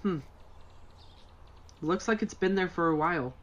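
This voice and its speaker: A male actor playing a nervous, bewildered boy in a horror audio drama, with a hesitant, halting manner. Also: sits high, a bit bright, highs cut off. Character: nervous, bewildered boy lured by strange girls.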